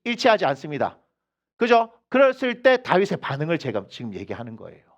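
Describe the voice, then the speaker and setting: A man's voice: fairly high pitch, huge pitch swings, fairly quick, dull audio. A male senior pastor preaching a sermon in a church sanctuary. He keeps asking the congregation questions and acts out the lines he quotes.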